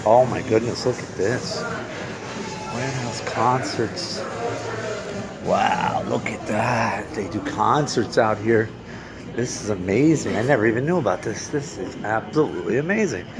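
A man in his forties with a fairly low, unhurried voice films a casual, unscripted walk-around vlog, rambling and thinking aloud as he reviews local bars. He moves outdoors through a parking lot and around a bar, holding his phone at arm's length, and the recording is noisy with a crowd behind him.

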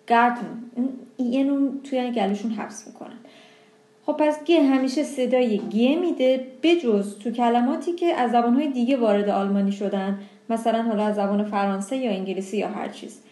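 Mellow young woman teaching pronunciation. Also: a little high. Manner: patient, slows down to spell out example words. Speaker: German language teacher. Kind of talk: explanatory language lesson.

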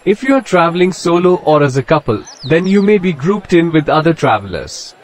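A man giving a scripted travel narration in an even, informative guidebook manner. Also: fairly high pitch, a little fast, slight background noise. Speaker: travel vlogger.

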